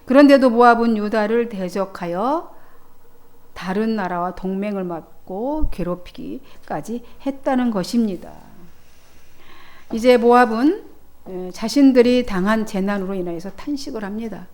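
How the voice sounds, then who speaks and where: A woman's voice: mid-range voice, measured pace, a little mellow. A woman pastor preaching a sermon in a church, emphatic and swelling then dropping in volume.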